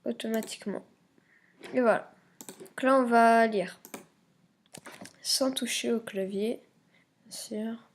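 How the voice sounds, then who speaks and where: A woman walking viewers through a software tutorial, hesitant and full of fillers, self-corrections and muttered asides. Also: a little high, fairly even intonation, takes it slowly, long pauses. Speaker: YouTube tutorial maker. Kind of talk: screen-recording software tutorial.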